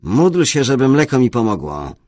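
A man voicing a gruff, self-pitying older male bishop who mocks and scolds loudly, in an audiobook. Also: mid-range voice, wildly swooping pitch, slow pace, no room sound, studio quality, pitched above the performer's own voice, heavily acted. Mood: gruff mocking. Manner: mocking, lordly, bursts of loud scolding. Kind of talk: audiobook character reading.

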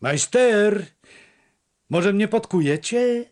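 A man's voice: mid-range voice, expressive, takes it slowly. A man voicing a cocky young wanderer who banters boldly and teasingly. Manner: teasing, bold.

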